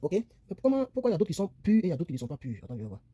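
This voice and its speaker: Fast-talking husky male teacher. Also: high-pitched, wildly swooping pitch, warm tone, dry recording. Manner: chatty, repeats himself, narrates his drawing on a tablet, self-correcting. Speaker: English teacher. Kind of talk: casual screen-recorded lesson.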